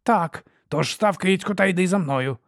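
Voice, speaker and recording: A man voicing a brisk male doctor, coaxing and wry, spelling things out simply. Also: high voice, gravelly, dry recording, studio quality, voice pushed up.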